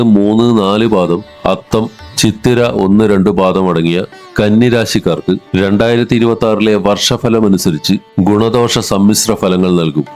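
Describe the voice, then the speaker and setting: A man with a low voice narrates a horoscope from a script. His reading is even and formal, and soft music plays under it. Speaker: astrology narrator. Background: soft instrumental music.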